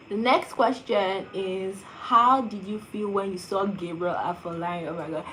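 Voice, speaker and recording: A young actress answers questions in a casual vlog. Her voice sits at an ordinary middle pitch, and she talks in a chatty, animated way full of fillers. A faint hiss runs under the recording. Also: slow pace, rough recording.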